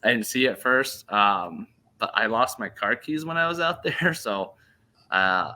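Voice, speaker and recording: A man in his thirties casually telling a hunting story on a podcast, animated and laughing as he goes. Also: medium pitch, unhurried. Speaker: podcast host.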